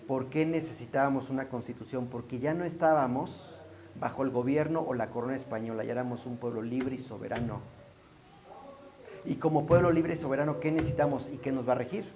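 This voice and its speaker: A man's voice: medium pitch, brisk, a crowd in the background. A man from Mexico with a Mexican accent, preaching a sermon in a conversational teaching manner and asking the congregation questions. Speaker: pastor.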